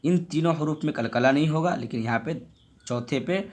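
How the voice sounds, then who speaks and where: A man teaching reading in a slow, patient way, sounding out syllables clearly and repeating them for learners. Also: fairly high pitch. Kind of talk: slow tutorial with drills.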